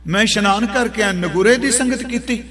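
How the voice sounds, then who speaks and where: An indignant wandering holy man, as a preacher puts him on, scolds in a high, loud, exclaiming voice. The sound carries the long echo of a hall. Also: brisk, lightly acted. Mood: scolding, indignant.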